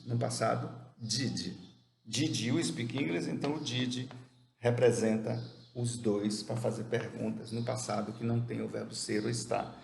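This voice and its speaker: A man teaching an English grammar lesson who explains step by step, asks questions and answers them himself, and reads the English examples slowly and carefully. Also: medium pitch, vocal fry, a little mellow. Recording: echoey room with faint background noise.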